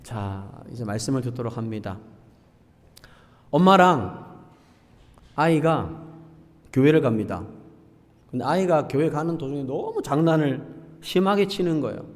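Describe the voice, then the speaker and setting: A man preaching a sermon as pastor, talking in a lively way and asking the congregation questions. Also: mid-range voice, normal speed, long pauses. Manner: lively, asks the congregation questions and acts out quoted insults. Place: church sanctuary. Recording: long church hall reverb.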